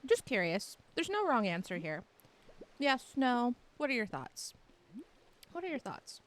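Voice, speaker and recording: A young Texan woman with a light accent rambles casually to her livestream viewers, peppering her talk with "like." Her voice is a little high and very animated, and she speaks somewhat slowly.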